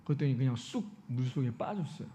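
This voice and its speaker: A man's voice: mid-range voice, expressive, quick pace, warm tone. A male pastor preaching a Sunday sermon in a church, often putting rhetorical questions to the congregation. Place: church sanctuary. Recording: dull lo-fi sound.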